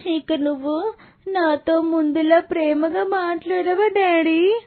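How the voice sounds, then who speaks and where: A woman's voice: very high voice, steady tone, slow pace, dry recording, narrow, tinny audio, exaggerated voice. Woman doing a small, sad little girl. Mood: pleading. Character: small frightened girl, lonely and hurt.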